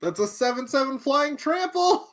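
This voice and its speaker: A woman's voice: high-pitched, expressive, normal speed. A woman playing a card game on stream, explaining moves step by step with dry sarcasm. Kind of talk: casual game-night chat.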